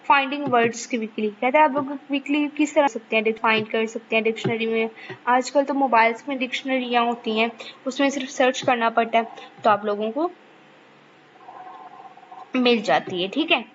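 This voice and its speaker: A woman's voice: a little high, normal speed, slight background noise. Woman teacher, lo-fi lecture. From Pakistan. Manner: keeps checking in with the class, repeats points patiently. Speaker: online course teacher. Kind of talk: explanatory lecture to students.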